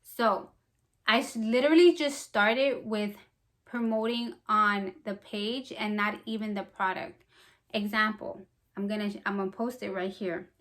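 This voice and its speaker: A young woman who runs a small business, talking casually to camera in an upbeat, fast, slightly breathless way. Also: mid-range voice, fairly even intonation, fairly bright tone. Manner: chatty and upbeat, talks fast. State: a bit out of breath. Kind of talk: casual vlog talk to camera.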